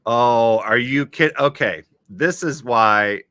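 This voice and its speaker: A man's voice: medium pitch, slow, pushed and bright, no echo. A man hosting a casual live stream, reading crossword clues aloud and chatting about them as he goes.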